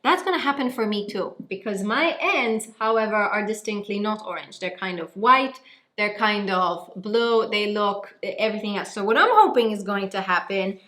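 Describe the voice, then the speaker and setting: A woman's voice: medium pitch, lively intonation, normal speed, bright, forceful tone. A woman from Malta with a Maltese accent, chatting expressively and emphatically as a beauty vlogger giving a tutorial. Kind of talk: chatty hair-dye tutorial vlog. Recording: music behind the voice.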